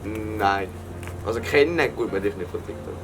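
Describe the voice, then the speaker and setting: A man's voice: lowish voice, moderate pace, music in the background. A man with a Swiss German accent hosting a casual guessing game in playful, teasing banter. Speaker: YouTuber host. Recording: noisy background with vehicle sounds.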